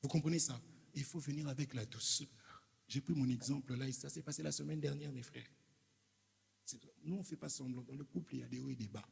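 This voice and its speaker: A man's voice: mid-range voice, quick pace, gravelly, darkish tone, slightly rough. A man with a Congolese accent, a preacher delivering an emphatic sermon with rhetorical questions to his congregation in a church hall. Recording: reverberant hall.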